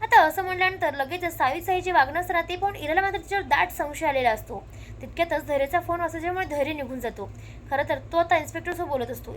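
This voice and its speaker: A woman narrating a recap of a television serial episode, telling the story lively and quoting the characters' lines one after another. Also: high-pitched, a little hiss or hum.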